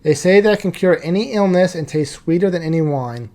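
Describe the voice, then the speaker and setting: A man's voice: sits high, expressive, fairly quick, warm tone. A man reading the lines of a weary, disgusted townsman from a card game story, in a plain read-aloud delivery. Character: weary male townsman explaining blood saints.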